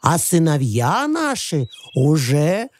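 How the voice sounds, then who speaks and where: Storybook she-bear, warm and motherly, very slow lilting delivery, put on by a male narrator. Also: fairly high pitch, huge pitch swings, slight background noise, full character voice. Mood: gentle, caring. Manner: slow, soothing, hospitable. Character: kind motherly she-bear, gentle and caring.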